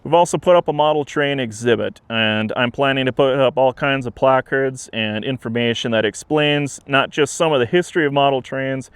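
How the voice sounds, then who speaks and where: A man with a smooth, resonant voice at an average pitch gives an informal update to camera. He is plain-spoken and measured. The sound is dry and open, recorded outdoors with some traffic. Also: no room sound. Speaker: interim museum director. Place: outdoors beside a trail, with traffic and wind. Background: traffic and wind.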